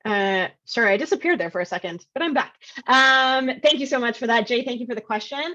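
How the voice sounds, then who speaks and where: A woman moderating a question session on a video call, brisk as she hands over to the next speaker. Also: fairly high pitch, bright, forceful tone. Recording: lo-fi, distant video call audio.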